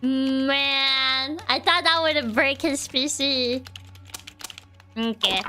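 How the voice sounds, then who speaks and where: A woman's voice: high-pitched, extremely slow, bright, forceful tone, soft background music. A woman streaming a game, casually and playfully thinking aloud and talking to the game as she plays. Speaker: gaming streamer. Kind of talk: casual commentary while playing a game.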